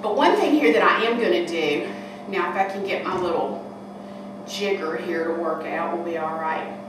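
A woman in her sixties hosts a casual cooking show, sharing homespun tips as she works in a large kitchen hall. Her voice is lowish and moderately paced, recorded from far off in an echoey, noisy room.

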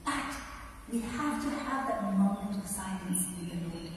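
A woman of medium pitch speaks at a normal speed with lively intonation, preaching a conversational sermon at a lectern and asking the congregation emphatic rhetorical questions. The lectern microphone records her from a distance in a large, echoing sanctuary, with faint noise.

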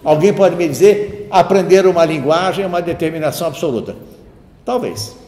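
A university lecturer speaks in an echoey, roomy hall where faint ambient noise can be heard. His voice is a little high, warm and animated, and he talks fairly quickly. His lecture wanders and digresses, punctuated by frequent tag questions.

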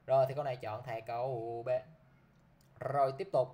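A male English teacher explains vocabulary in an everyday classroom manner. His voice sits at a middle pitch, and he keeps pausing to check whether the students have followed. The delivery is plain and conversational. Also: fairly even intonation, muffled recording. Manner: keeps checking with students, repeating a short prompt.

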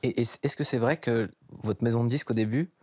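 Male interview host, mid pitch, playful and teasing, dry close-miked sound. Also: fast, no room sound. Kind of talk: casual interview.

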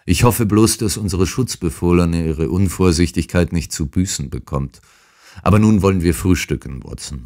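A man voicing a calm, unshakable detective in an audiobook, speaking with dry irony. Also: a bass voice. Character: calm, ironic adult male detective. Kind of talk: audiobook character reading.

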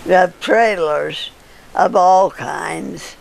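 An older woman being interviewed, telling old neighborhood stories in a halting way with fillers and chuckles. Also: fairly low pitch, vocal fry, a little hiss or hum. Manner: halting storyteller with frequent laughs and fillers. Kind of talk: casual reminiscing.

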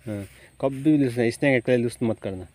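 A man's voice: mid-range voice, fast talker, darkish tone. A man giving short, instructive fishing tips outdoors by a pond. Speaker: fishing mentor. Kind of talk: casual advice.

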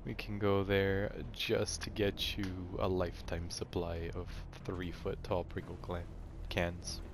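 A man's voice: deep voice, level tone, unhurried, background noise. A man chatting casually and teasingly with his partner while gaming, laughing often.

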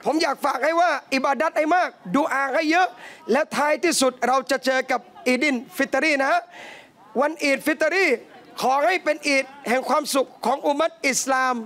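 High-voiced man preaching a lively sermon. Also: normal speed. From southern Thailand. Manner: animated storytelling, addresses listeners as brothers and sisters. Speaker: Islamic preacher. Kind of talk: lively sermon to a live audience. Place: cafe hall, live talk.

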